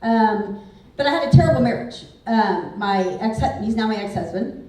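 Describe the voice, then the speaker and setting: A woman's voice: on the high side, lively intonation, moderate pace, darkish tone, far from the mic. Woman speaking in an echoey hall. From Houston, Texas. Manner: candid, conversational, frequent "like" fillers. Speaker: real estate speaker. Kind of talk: motivational talk. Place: large event hall. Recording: very echoey hall, picked up from afar.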